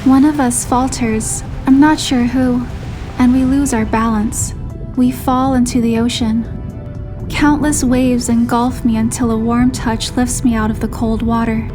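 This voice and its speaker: A woman narrates a game story in scripted, dramatic fashion, also voicing its player character. Her fairly high voice stays steady and unhurried, with music playing behind it.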